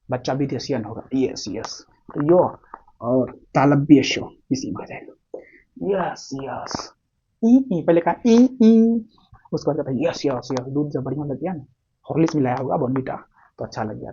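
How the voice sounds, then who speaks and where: A man with a Bihari accent teaches a grammar lesson in a lively, joking way, often putting questions to his students. His voice sits a little high but sounds mellow and a touch husky. The recording is dull and lo-fi. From Bihar, India. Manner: animated, playful, jokes and asks students questions. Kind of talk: classroom-style lesson with memory tricks.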